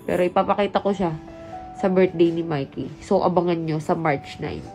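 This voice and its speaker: Gravelly-voiced Filipino mom vlogger. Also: female voice, on the low side, moderate pace, mellow, faint music behind, low-quality recording. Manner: chatty, talks straight to viewers. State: sick with the flu, stuffy. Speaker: vlogger and mother. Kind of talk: casual vlog chat.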